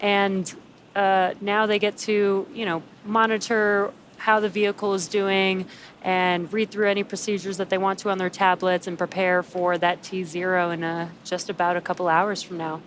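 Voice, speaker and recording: A woman's voice: medium pitch, flat delivery, normal speed, fairly bright tone, a little hiss or hum. A woman hosting a live webcast, giving unscripted explanatory commentary. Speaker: webcast host.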